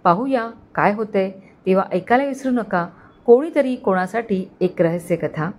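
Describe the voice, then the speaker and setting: A woman narrating a written story in a steady, measured reading voice. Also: mid-range voice.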